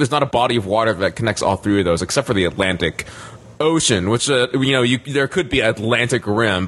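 A man's voice: mid-range voice, a bit bright. A man on a podcast panel in casual chat, rambling and laughing through his own jokes.

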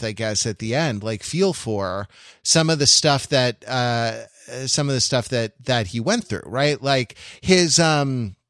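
Discussing classic television on a podcast he co-hosts, a man works through his analysis out loud, frequently repeating and rephrasing as he hunts for the right words. His tone is fairly bright at a medium pitch, and the dry recording is studio quality.

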